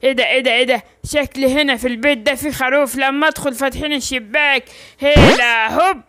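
A woman's voice: high-pitched, fairly even intonation, fast, very noisy, close to an everyday voice. A woman voicing a sly, greedy male sheep thief in a cartoon, with an Egyptian accent and gloating, sing-song taunts. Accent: Egyptian Arabic. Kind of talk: cartoon bedtime story voicing.

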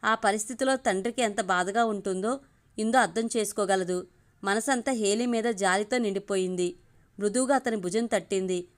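A woman storyteller narrating an audiobook story in a calm, steady reading voice. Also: medium pitch, moderate pace.

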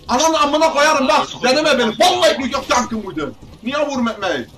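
High-pitched young man screaming insults. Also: expressive, brisk, over a noisy crowd. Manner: explosive shouted swearing. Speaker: livestreamer. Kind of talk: live gaming stream. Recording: distant mic with noisy background.

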